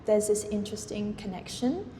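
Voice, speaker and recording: Speaking at medium pitch and a moderate pace, this Australian woman sounds animated as a guest artist on a gallery panel. Her talk in the public panel conversation is hesitant and casual, filled with fillers. Recorded in a gallery event space, the audio carries roomy hall reverb and faint background noise.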